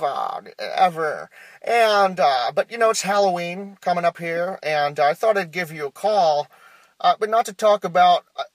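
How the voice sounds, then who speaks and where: A man's voice: sits high, no room sound, exaggerated voice. A man doing a jittery publisher on voicemail. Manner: hesitant, stammering, full of uh's, oddly deadpan rambling. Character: nervous quirky male book publisher, rambling and jittery. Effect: played back as a phone voicemail message.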